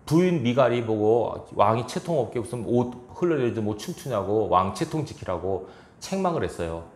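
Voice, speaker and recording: A man's voice: medium pitch, expressive, normal speed, echoey room. A man pastor preaching a sermon in a church, chuckling now and then and acting out quoted lines. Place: church sanctuary.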